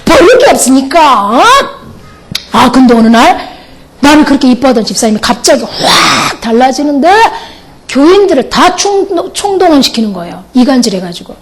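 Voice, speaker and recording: A middle-aged pastor's wife giving a lively testimony sermon, laughing often and mimicking other people's voices. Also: female voice, sits high, moderate pace.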